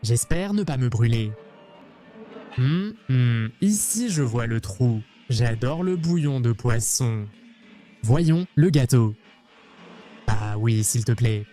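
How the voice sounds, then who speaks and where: A man from Argentina hosting a travel vlog, talking in an excitable, playful, jokey way. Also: mid-range voice, takes it slowly, faint music behind. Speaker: travel vlogger host.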